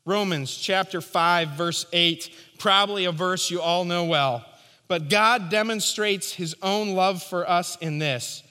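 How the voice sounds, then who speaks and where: A man's voice: high-pitched, a little slow, pushed and bright, long reverb tail. A man preaching a sermon, emphatic and rising and falling for stress. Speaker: pastor.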